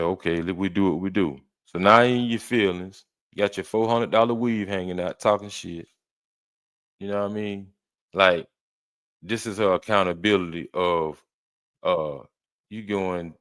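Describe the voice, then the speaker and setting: A man with a low, deep voice runs a reaction show. He argues back at each clip in a blunt, heated tone. The sound is dry and close. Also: no room sound. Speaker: reaction host. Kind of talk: reaction commentary.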